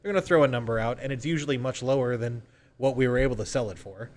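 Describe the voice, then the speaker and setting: This man's medium-pitched, somewhat dark voice moves quickly as he takes the role of a real estate agent in a casual podcast interview. He explains example phone calls in an easygoing way and performs them.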